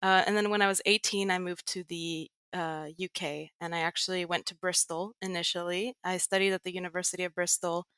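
A young adult woman from Greece with an American accent appears as a podcast guest, a tech writer and educator who explains things patiently with frequent fillers. Her voice is fairly low, fairly bright and clean, with little pitch movement, and she talks briskly with hardly any pauses and no room sound.

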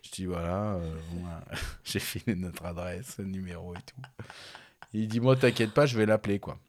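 A young man in casual chat with a friend, telling a story in an animated, slangy way and laughing often. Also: sits low, normal speed.

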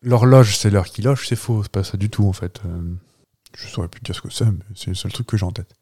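A man's voice: on the low side, brisk, a little mellow, husky. A man co-hosting a casual home podcast, playful and teasing, laughing often as he quizzes his co-host. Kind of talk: casual chat.

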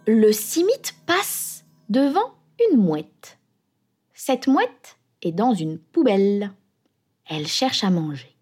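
A woman narrating a simple children's story in a clear, deliberate way, adding playful sound effects. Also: medium pitch, sing-song, darkish tone, soft background music.

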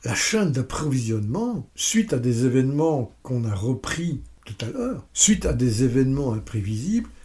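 A man presenting a business lesson step by step, with playful, self-mocking asides. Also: on the high side. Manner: steady step-by-step explaining.

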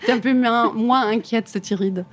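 This German woman, a furniture designer, casually answers interview questions about her career in imperfect French, often searching for words. She speaks at normal speed in a fairly high voice, with a German accent.

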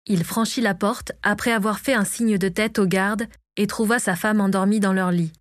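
A woman narrating a fantasy audiobook in a calm, measured storytelling manner. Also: mid-range voice, no echo, studio quality. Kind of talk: scripted narration of a fantasy novel.

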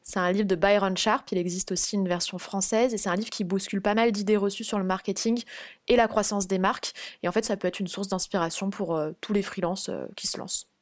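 A woman's voice: mid-range voice, fairly even intonation, a little fast, dry recording, studio quality. A young adult woman, a freelance guest on a podcast interview, explaining things step by step with frequent hesitations.

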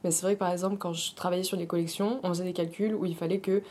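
Young woman guest on a podcast, lowish voice, talks fast, rambles and restarts a lot. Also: level tone, darkish tone. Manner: rambling, many fillers and restarts. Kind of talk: casual podcast conversation.

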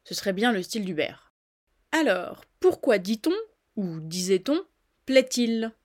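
A woman's voice: mid-range voice, big pitch swings, measured pace, darkish tone. A woman hosting a scripted podcast, explaining a phrase in a playful, chatty way and talking straight to the listeners. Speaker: podcast host.

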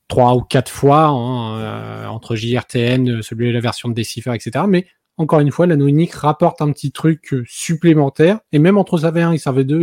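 A man's voice: medium pitch, a little mellow, dry recording, studio quality. A man hosting a casual chat, talking loosely with lots of fillers. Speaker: host.

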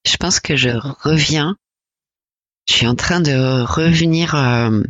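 A woman in her forties from France, a podcast guest talking reflectively and hesitantly about her life, with many pauses and fillers. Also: low-pitched, fairly bright tone, dry recording, lo-fi sound. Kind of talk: personal interview conversation.

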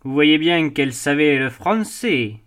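Give me a jovial, mocking sea captain, worldly and amused, as a male storyteller puts him on, slow and unhurried. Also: a little high, expressive, a bit bright, clean tone.

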